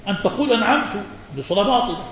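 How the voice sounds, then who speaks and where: A man giving a religious lesson and answering questions from listeners, his voice sitting a little high. He speaks with emphatic, animated stress, acting out mispronunciations. The recording is muffled and swims in heavy hall echo, with faint background noise. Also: fairly quick.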